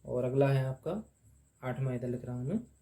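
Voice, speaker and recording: A grammar lesson is given by a man with a mellow, medium-pitched voice. He fields his own questions and writes on the board, saying each term again slowly.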